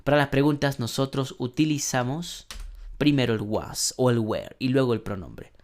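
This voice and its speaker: A man teaching an online English lesson, slowly modeling sentences and translating them, often clearing his throat. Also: mid-range voice. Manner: slow, patient explaining, modeling English sentences then translating.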